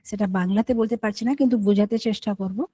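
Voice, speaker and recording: Mellow-voiced woman preacher telling a story. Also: medium pitch, fairly even intonation, fast, rough recording. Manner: storytelling, acts out quoted voices with English words mixed in. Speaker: preacher giving a scripture class. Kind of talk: devotional scripture talk.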